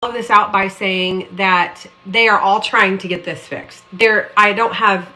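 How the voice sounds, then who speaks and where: A woman's voice: medium pitch, steady tone, unhurried, sharp tone, rough recording. A woman lifestyle vlogger chatting casually to her followers. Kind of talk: casual vlog chat.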